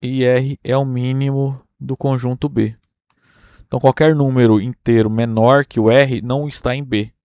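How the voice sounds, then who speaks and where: A man's voice: mid-range voice, flat delivery, moderate pace, warm tone, clean tone, no echo, clean studio sound. A Brazilian man teaching a university math class, working through a proof step by step and checking in with his students. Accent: Brazilian Portuguese.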